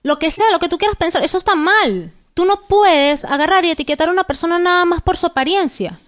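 A young adult woman co-hosting a casual podcast, explaining things in an earnest, steady way. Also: very high-pitched, brisk. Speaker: podcast co-host.

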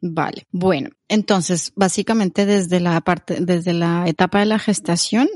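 A woman's voice: on the low side, steady tone, unhurried, a little mellow, no echo. Dry-sounding woman host. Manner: curious, thinking aloud. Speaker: podcast host. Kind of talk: conversational interview.

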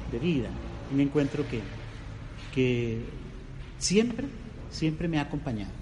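A man, a priest, telling his story haltingly, searching for words as he speaks. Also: mid-range voice, a little mellow. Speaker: priest giving testimony. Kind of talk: recorded testimony interview. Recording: long reverb with faint noise.

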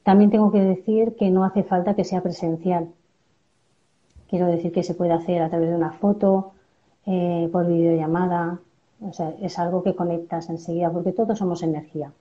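A woman guest answering interview questions calmly, explaining slowly with little tag questions. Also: on the low side, highs cut off. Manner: calm, explains with filler questions. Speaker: guest medium.

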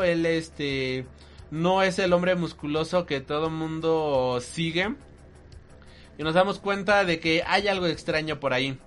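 A man, talking casually and emotionally about an anime with many fillers. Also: a little high. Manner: animated, emotional, filler-heavy. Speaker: anime reviewer co-host. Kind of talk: casual chat.

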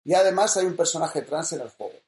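A man's voice: on the high side, expressive, fast talker, darkish tone, echoey room. A man co-hosting a casual chat show, reading news items in a conversational way. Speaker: co-host. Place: small room at home.

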